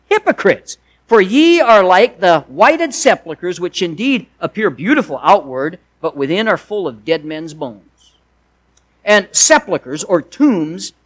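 A man delivers a sermon in a relaxed teaching manner. His voice sits high, and he talks it through with frequent restarts and asides. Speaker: preacher.

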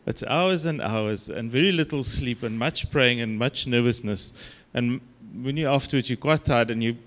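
A South African man with a broad Afrikaans accent preaches informally as a guest, speaking haltingly, conversationally and self-deprecatingly. His voice is medium-pitched and a bit bright.

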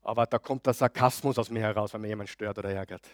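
A male pastor preaching a sermon, swinging between loud declarations and quiet asides and often putting questions to the congregation. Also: fairly low pitch, fairly even intonation, quick pace, no echo, studio quality. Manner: asks the audience frequent questions.

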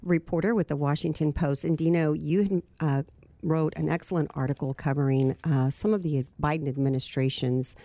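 A woman's voice: sits low, fairly even intonation, normal speed, warm tone, no echo. A woman hosting a talk radio show in a conversational style.

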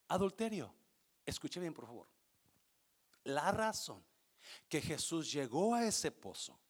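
A male pastor preaching a sermon, questioning the congregation and building to loud peaks. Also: a little high.

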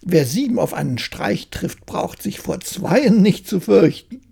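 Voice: mid-range voice, lively intonation, unhurried, creaky, warm tone, husky, pitched above the performer's own voice, full character voice. A reader voicing a cheeky, boastful young tailor from a fairy tale, bragging cheerfully. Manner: brags cheerfully.

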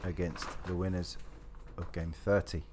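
A man's voice: sits low, level tone, moderate pace, darkish tone, slight background noise. A man hosting a live sports draw, announcing each number as a fixture and chatting casually in between. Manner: repeats each drawn number as a match announcement.

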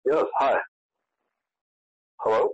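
A male caller with a middle-pitched voice stumbles through his question and keeps asking if he can be heard. The line is dull and lo-fi, with a dry sound. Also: extremely slow, darkish tone, no echo. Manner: unsure, keeps saying hello.

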